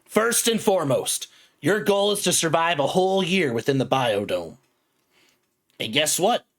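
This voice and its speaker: A game master voicing a gruff, bored male lizardfolk captain who grumbles and curses impatiently. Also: mid-range voice.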